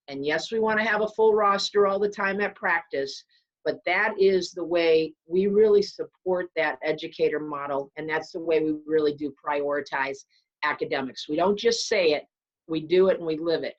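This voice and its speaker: A woman from the athletics staff hosting a virtual info session, speaking confidently and persuasively over a video call. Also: fairly low pitch. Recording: dull lo-fi video call audio.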